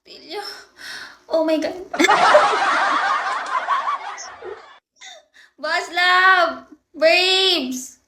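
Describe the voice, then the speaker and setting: A woman's voice: very high voice, sing-song, very slow, long pauses, sharp tone. A young woman live-streaming, chatting casually with her viewers in a playful, teasing way and laughing often. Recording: echoey room with faint noise.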